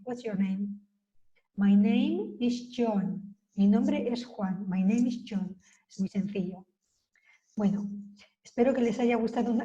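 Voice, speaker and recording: Mellow-voiced woman teaching English phrases. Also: medium pitch, dull audio. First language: Spanish. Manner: explains slowly, repeats English phrases to model pronunciation. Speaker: language teacher. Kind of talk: casual spoken language lesson.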